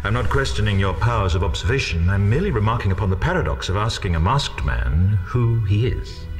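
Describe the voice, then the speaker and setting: An actor playing a theatrical masked male avenger in a film, speaking in ornate, alliterative, measured phrases. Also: lowish voice, animated, soft background music, natural voice. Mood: grandly courteous. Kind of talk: film dialogue.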